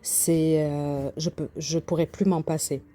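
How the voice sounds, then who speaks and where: Low and warm, her voice keeps a steady tone and an unhurried pace. She's a craft channel host from Quebec presenting coloring and embroidery in a laid-back vlog, frequently pausing, using fillers, and starting over.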